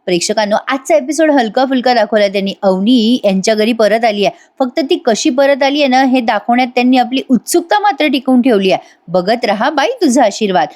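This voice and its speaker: Animated woman reviewing a TV serial. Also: on the high side, a little fast, few pauses. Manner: animated, addressing listeners directly. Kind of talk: voice-over episode review.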